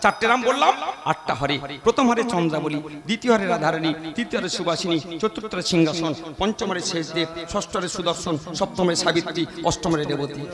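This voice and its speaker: A man's voice: high-pitched, fast. A man who leads devotional chanting and then preaches, asking and answering his own questions with chuckles. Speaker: kirtan singer and preacher. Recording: live chanting with loud music behind.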